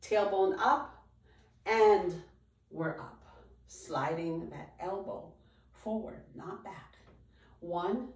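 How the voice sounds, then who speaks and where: Leading a chair workout as an aerobics instructor, a woman counts reps, cues form and gives short, encouraging commands. Her voice sits on the low side, gravelly and darkish, and she speaks very slowly with long pauses. The recording has a roomy echo from a distant microphone.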